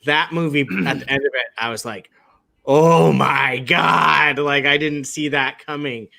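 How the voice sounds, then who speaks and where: A man's voice: fairly high pitch, normal speed, creaky, pushed and bright. A man co-hosting a podcast in casual, joking chat. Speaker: podcast co-host.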